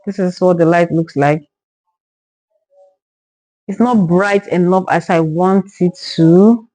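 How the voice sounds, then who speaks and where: A woman's voice: lowish voice, mellow, low-quality recording. A young woman from Nigeria reviewing a haul to camera in casual talk, exasperated and stumbling over repeated words when upset. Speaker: vlogger.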